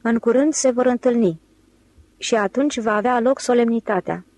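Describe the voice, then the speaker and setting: A woman's voice: a little high, a little mellow. A woman voicing a sweet, teasing young woman in an audiobook, lifting her voice for the part. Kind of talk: audiobook character reading.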